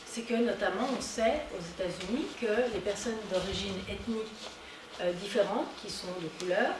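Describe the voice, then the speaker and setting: A woman giving a conference talk, animated and emphatic on her key points. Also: mid-range voice. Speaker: conference speaker. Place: conference hall. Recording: echoey hall, distant mic, noisy.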